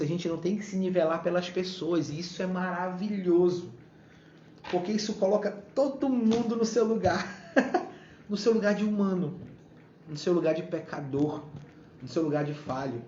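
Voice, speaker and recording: Animated man in an echoey room. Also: a little hiss or hum. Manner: animated, playfully acting out Bible dialogue. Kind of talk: casual devotional talk. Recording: echoey room, dull low-fi sound.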